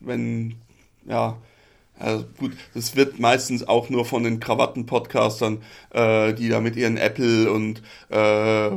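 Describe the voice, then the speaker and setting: A man's voice: mid-range voice, completely flat delivery, measured pace, gravelly. A man co-hosting a casual podcast chat, hesitant and given to sarcastic jokes. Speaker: podcast co-host.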